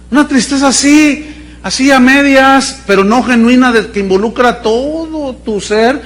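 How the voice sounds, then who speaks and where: High-voiced Mexican preacher telling a story. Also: male voice, a bit bright. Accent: Mexican Spanish. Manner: chatty, storytelling, asks "¿no?" often. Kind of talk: sermon.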